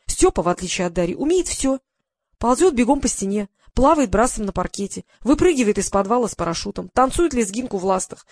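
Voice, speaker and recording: A woman's voice: on the high side, animated, fairly quick, darkish tone, dry recording, clean studio sound. A woman voicing a sarcastic woman who needles a colleague. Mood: mocking. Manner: mocking.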